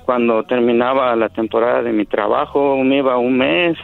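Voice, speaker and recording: A middle-aged man from Mexico, a native Zapotec speaker, calls in to a radio show to recount his life, sounding earnest, hesitant, and prone to repeating words. His gravelly, mid-range voice holds a steady tone at a normal pace, carried over a phone line.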